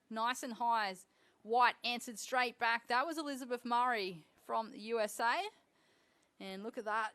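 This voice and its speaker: A woman's voice: medium pitch, fairly bright tone, clear, resonant tone. A woman hosting live sports commentary from the booth at an event.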